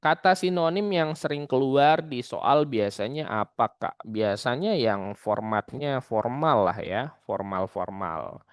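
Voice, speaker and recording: Chatty young male tutor, crisp voice. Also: mid-range voice, animated, unhurried, no room sound, studio quality. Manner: chatty and explanatory, often tagging lines with "gitu" and "ya". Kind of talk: casual online exam-prep lesson.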